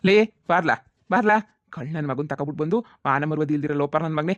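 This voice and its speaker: A man voicing a pushy, rapid moneylender. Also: a little high, flat delivery, no room sound, lightly acted. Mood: demanding. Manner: shouting, threatening, demanding. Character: pushy, foul-mouthed village moneylender man. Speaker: moneylender in a cartoon comedy. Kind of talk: cartoon comedy voice acting.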